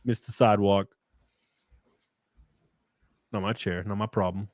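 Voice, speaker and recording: Unhurried and a little mellow, a man with a lowish, fairly even voice chats casually on his livestream while reading donations. His thanks ramble and include profanity, and he sounds sniffly and slightly drunk, with no echo present.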